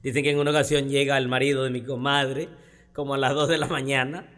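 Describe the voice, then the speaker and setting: A man's voice: mid-range voice, little pitch movement, quick pace, background noise. A man from Costa Chica, Mexico, telling bawdy jokes in a boisterous way, with a Costa Chica Mexican accent. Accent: Costa Chica Mexican Spanish. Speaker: comedian. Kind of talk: comic joke telling. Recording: reverberant recording with salsa music.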